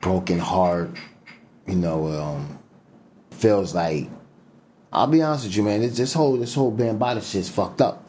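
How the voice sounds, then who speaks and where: This interview guest has a deep, warm voice and an unhurried delivery with long pauses, recorded with slight hiss or hum. His casual talk is still emphatic and profane, loaded with fillers and slang.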